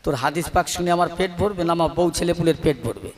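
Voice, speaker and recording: A man voicing a gruff, impatient cobbler who scolds curtly, in a sermon story. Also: on the high side, fast talker, natural voice. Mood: scolding. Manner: curt, scolding. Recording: long hall reverb.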